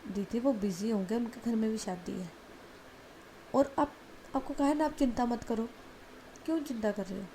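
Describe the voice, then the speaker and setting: A woman's voice: a little high, normal speed, long pauses, dark tone, slight background noise, natural voice. A woman voicing a young man who reassures and scolds an anxious elder sister. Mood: reassuring.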